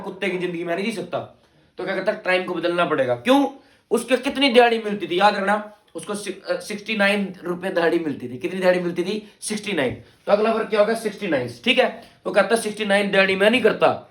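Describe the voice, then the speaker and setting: A man's voice: sits high, lively intonation, brisk, echoey room. A young man teaching an exam lecture, quizzing his students and using playful movie references. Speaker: exam tutor. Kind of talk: mnemonic-driven exam lecture.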